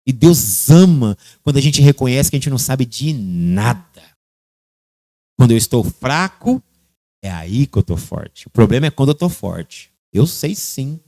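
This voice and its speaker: Animated pastor preaching. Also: male voice, medium pitch, measured pace, no room sound. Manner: animated preaching, often shifting loud to quiet; addresses congregation members by name. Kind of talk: sermon.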